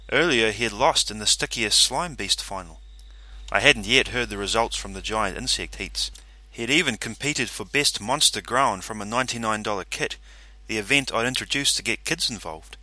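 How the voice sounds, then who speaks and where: Audiobook narrator, male, low voice with a bright forceful edge, dry close sound. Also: no room sound. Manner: steady, measured storytelling. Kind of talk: scripted narration.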